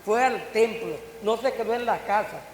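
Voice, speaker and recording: An older man, acting as pastor, delivers a sermon in a high-pitched voice at a moderate pace, breaking into rising bursts and putting questions to the congregation. It was recorded in an echoey church hall with a faint hiss.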